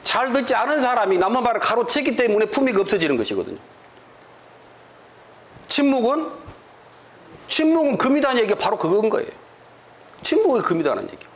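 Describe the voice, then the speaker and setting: A man's voice: very high voice, fairly quick, pauses often. A man giving a motivational lecture to business distributors, telling stories and asking the room rhetorical questions, sometimes acting out quarrels in dialect. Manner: animated storytelling with rhetorical questions; acts out dialect quarrels in quoted voices.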